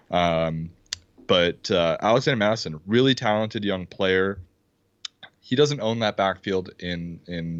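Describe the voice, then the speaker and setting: An excitable man with a very low voice co-hosts a casual sports podcast, sometimes pounding the table as he talks. He is heard over a video call, and the sound is dry, dull and lo-fi. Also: no room sound. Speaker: podcast co-host. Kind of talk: casual fantasy football chat.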